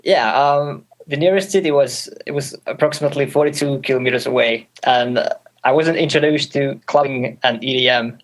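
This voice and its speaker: A man's voice: medium pitch, fairly quick. A man in his twenties from Finland, a native Finnish speaker, talking in a casual interview on a call, hesitant with many fillers, restarts and light laughs. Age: 20s. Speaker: guest music producer. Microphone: call audio.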